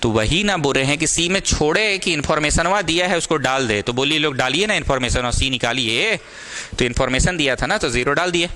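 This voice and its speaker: A young man tutors a small maths class, scolding his students in a caring way and mixing Hindi with English. His voice is a little high, brisk, pushed, and bright, with lively intonation.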